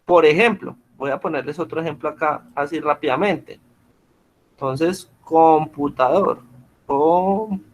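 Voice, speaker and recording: A man's voice: a little high, measured pace, a little hiss or hum. A man teaching an online class over a video call, patiently checking in with his students after almost every point. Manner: patient, checks in with frequent questions.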